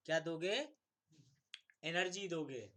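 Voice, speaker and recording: A man teaching an online electronics class, repeatedly asking questions and answering them himself, loud on key words and quiet on asides. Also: a little high, takes it slowly. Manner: asks and answers his own questions, repetitive, coaxing; swings between loud emphasis and quiet asides.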